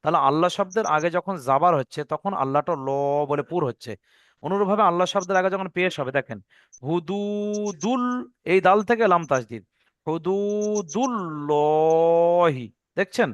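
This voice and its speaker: A man teaches Quran recitation rules, going over each point patiently and often checking that his student follows. His voice sits a little high, and the recording is dry and close. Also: expressive, very fast, fairly bright tone, no room sound, dull audio. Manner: patient, repeats rules step by step, checks understanding. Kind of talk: online Quran reading lesson.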